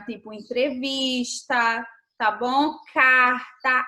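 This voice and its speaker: A woman's voice: high voice, a bit bright, roomy sound. A Brazilian woman teaching a primary school class in a remote lesson, patient and explanatory, often checking in with the children. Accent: Brazilian Portuguese.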